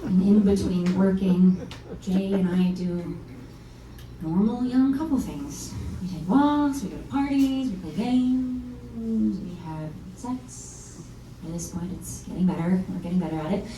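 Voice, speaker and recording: A woman's voice: medium pitch, expressive, unhurried, noisy background, close to an everyday voice. An actress playing a frank, wry singer-songwriter of about thirty back in her hometown, in a confessional stage monologue at a live reading. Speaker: lead actor in a one-woman musical. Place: small performance venue. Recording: roomy venue from far off, faint instrument.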